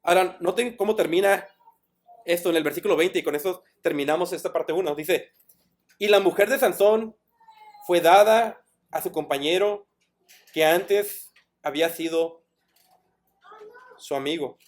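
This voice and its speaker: A man with a high voice preaches in a church. He reads verses aloud, stops to explain them in plain words, and asks the congregation questions as he goes. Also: normal speed, long pauses. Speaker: pastor. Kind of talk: sermon.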